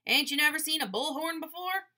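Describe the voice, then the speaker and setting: A woman reading an audiobook, voicing a gruff older man who likes to tease. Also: mid-range voice, big pitch swings, fairly quick, pushed and bright. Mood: teasing. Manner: wisecracking, teasing.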